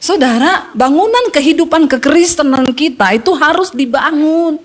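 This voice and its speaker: A woman's voice: high-pitched, expressive, normal speed. A middle-aged woman pastor preaching a sermon to a congregation, exhorting them with rhetorical questions and rising emphasis.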